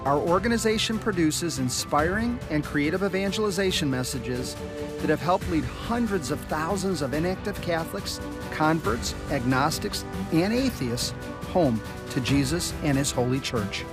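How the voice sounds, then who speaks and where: A man's voice: on the high side, lively intonation, normal speed. Earnest middle-aged man hosting, upbeat. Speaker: host. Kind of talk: scripted show introduction and interview. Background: background music.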